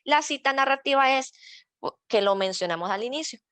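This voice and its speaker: A woman's voice: high-pitched, expressive, a little fast, a bit bright, dry recording. A woman from Rica, a librarian patiently explaining citation rules step by step in an online workshop. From Costa Rica. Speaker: librarian teaching citation style.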